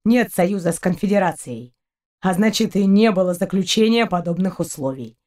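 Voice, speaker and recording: A curt, unsentimental male starship captain brushes things off in a low, blunt voice, as a woman reads him. His delivery is dismissive and matter-of-fact. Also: moderate pace, darkish tone, natural voice.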